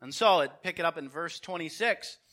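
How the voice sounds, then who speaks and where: Male pastor, bright and high, animated sermon storytelling. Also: a little fast. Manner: animated storytelling preacher, acting out dialogue.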